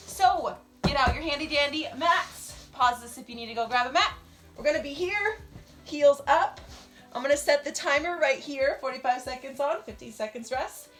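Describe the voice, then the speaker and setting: A young fitness host's voice sits high, pushed and bright, as she coaches a home workout with encouragement while exercising herself. The living room echoes around her. Her camera rests on the floor a few feet away.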